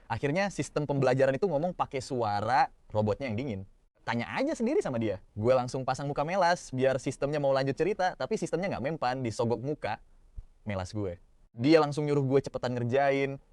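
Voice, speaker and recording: A man's voice: mid-range voice, fairly quick, smooth, no room sound. Young adult male narrator, casual slangy storytelling, dry close sound. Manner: slangy Jakarta-style casual talk, expressive inner monologue. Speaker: manhwa recap narrator.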